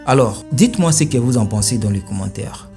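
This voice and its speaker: A man hosting an online news commentary channel, speaking in an emphatic, rhetorical way with forceful peaks. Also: mid-range voice, lively intonation, fairly quick, faint music behind. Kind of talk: opinionated commentary.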